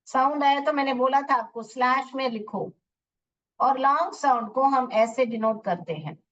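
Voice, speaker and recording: A woman's voice: sits high, normal speed, distant mic, muffled recording. A woman teaching English phonics online, switching between Hindi and Indian-accented English, patiently repeating and checking if students understood.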